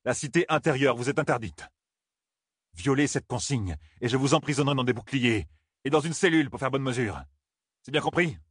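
A man's voice: medium pitch, brisk, breathy edge, dry recording, clean studio sound, voice pushed up, close to an everyday voice. A man voicing a stern, burdened young man in an audiobook, speaking in a commanding, clipped way. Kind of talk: audiobook character voice.

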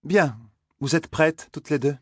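A man's voice: on the high side, a little slow, a bit bright, husky, no room sound. Man doing a stern, mocking female sorceress leader, condescending, audiobook drama, dry close sound. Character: stern, powerful older woman leader of a sorcerous order.

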